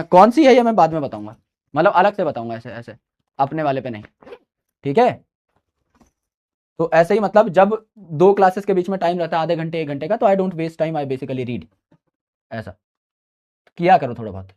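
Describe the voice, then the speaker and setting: This man has a high, slightly mellow voice as he gives exam students casual advice. He's chatty, blends Hindi with English phrases, and keeps calling his listeners "brother".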